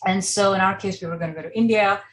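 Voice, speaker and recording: A Kuwaiti woman in her thirties, an interior designer appearing as a podcast guest, tells her life story in a fast, mid-range voice. She's conversational, full of "you know" fillers and restarts, and the recording has a little hiss or hum.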